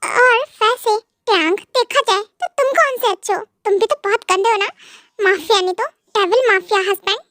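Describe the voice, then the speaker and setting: A woman's voice: very high-pitched, normal speed, a bit bright, no room sound, studio quality. A young woman voicing a naughty, sulky young wife in a Hindi fan dub, whiny and pouting. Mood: pouty.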